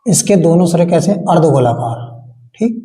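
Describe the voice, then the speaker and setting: This maths teacher, a man with a fairly high, mellow voice, speaks at a normal speed with big swings in pitch. Step by step he works board-exam problems, asking the class questions and answering them himself while chanting times tables. Long hall reverb colors the sound.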